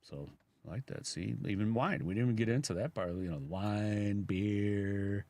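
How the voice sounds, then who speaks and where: A man's voice: fairly low pitch, moderate pace, darkish tone, no echo. A man with a Chicago accent, co-hosting a radio talk show and chatting casually in a rambling way, full of fillers. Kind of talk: casual chat.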